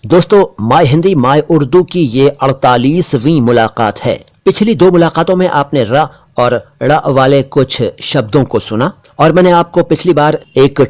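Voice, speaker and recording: Slow, deliberate man teaching pronunciation. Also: fairly high pitch, lively intonation. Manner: slow, deliberate repetition of words for drill; warm, direct address to viewers as friends. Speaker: language teacher and channel host. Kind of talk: Hindi pronunciation lesson.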